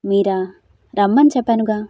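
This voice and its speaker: A woman's voice: medium pitch, normal speed, dark tone, no echo, clean studio sound, natural voice. A woman voicing a domineering young man who bosses and belittles his cousin, in an audio story. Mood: bossy. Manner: bossy, contemptuous.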